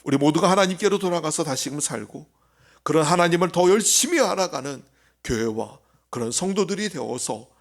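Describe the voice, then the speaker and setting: A man, a pastor, preaching a sermon in church, earnest, rising to loud appeals and dropping to near whispers. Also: on the high side, expressive, fairly quick, creaky. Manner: earnest preaching, swells loud then drops to a hush. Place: church sanctuary.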